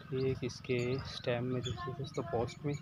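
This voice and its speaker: A man's voice: medium pitch, little pitch movement, moderate pace. A young man casually narrating a village vlog outdoors, chatting to his viewers as friends while filming on a phone. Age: young adult. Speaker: village vlogger. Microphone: phone camera held while walking. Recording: loud outdoor noise, phone mic. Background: chickens and birds outdoors.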